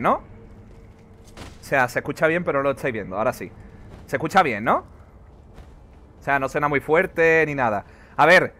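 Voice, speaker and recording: Excitable gamer man, fairly high voice. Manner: excitable, swears and shouts at the game. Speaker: gaming streamer. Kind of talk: casual gameplay commentary.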